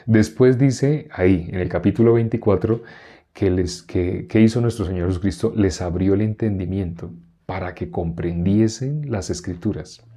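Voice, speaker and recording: A man's voice: lowish voice, dark tone. A man teaching an interactive Bible class. He repeats verses and keeps asking the group questions. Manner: repeats verses slowly, chuckling now and then.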